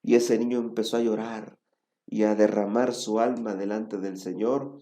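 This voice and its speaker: A man preaching a sermon, telling a story and often checking with his listeners with a quick "right?". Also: on the low side, fairly even intonation, warm tone.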